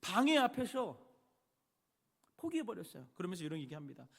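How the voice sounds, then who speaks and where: Animated male pastor preaching in reverberant hall. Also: sits high, brisk, creaky, husky. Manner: animated storytelling, swinging from hushed to loud. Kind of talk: sermon.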